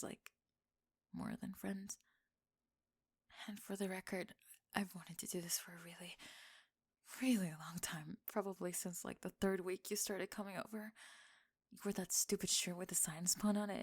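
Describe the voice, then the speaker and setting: Playing a tomboyish young friend for an intimate ASMR roleplay, a woman with a voice on the low side stumbles along in a flustered, halting way. Her teasing comes out gruff, and she often slips into a whisper.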